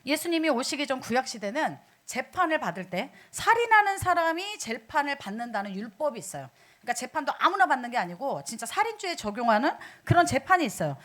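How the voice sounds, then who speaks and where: Woman preacher, sermon, high pitch, very lively delivery, questions to the congregation. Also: fast. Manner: animated, asks the congregation questions. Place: church.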